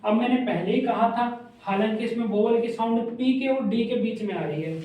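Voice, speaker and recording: A man's voice: very high-pitched, normal speed, dark tone. A man teaching a class step by step. He repeats key points and often asks the students whether they have understood. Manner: repetitive, checks understanding with questions. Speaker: shorthand teacher. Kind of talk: classroom lesson explaining step by step. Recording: echoey room, voice from a distance.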